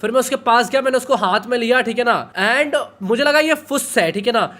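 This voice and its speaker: A man's voice: very high-pitched, fairly quick, sharp tone. A man chatting casually while reacting to a video, telling anecdotes and peppering them with filler tags. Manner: chatty, keeps adding "okay?" tags. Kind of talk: casual chat.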